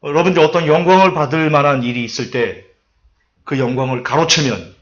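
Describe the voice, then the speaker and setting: A man's voice: fairly high pitch, brisk. A man preaching a sermon, telling stories and acting out quotes to make his points. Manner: lively storytelling with acted-out quotes and asides. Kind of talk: sermon lecture. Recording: dull lo-fi recording.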